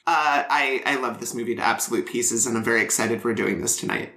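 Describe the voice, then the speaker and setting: A man's voice: medium pitch, a little fast, pushed and bright. A man hosting a podcast in casual, playful, teasing chat. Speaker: podcast host. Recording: roomy echo.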